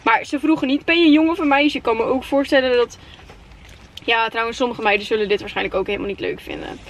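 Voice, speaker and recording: A woman in her twenties with a Netherlands Dutch accent, chatting casually and excitably to camera with English slang mixed in. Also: a little high, quick pace. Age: 20s. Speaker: vlogger. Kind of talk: casual vlog chat. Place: inside a parked car at night. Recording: faint background noise in car.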